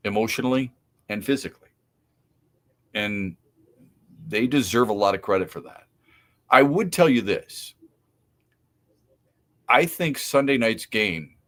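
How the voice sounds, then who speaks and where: A man's voice: lowish voice, a bit bright. A man with a Midwestern American accent hosting a sports talk radio show, arguing his points with emphatic rhetorical questions and frequent repeats. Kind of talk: opinionated sports talk monologue.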